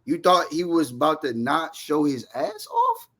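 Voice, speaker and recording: Guy w kinda high voice in a heated sports debate, keeps butting in and repeating himself, lots of slang and swearing. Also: wildly swooping pitch, a little slow, vocal fry, fairly bright tone. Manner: argumentative, insistent, interrupting, repeats points, slangy and profane. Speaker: sports fan debater, Cowboys supporter.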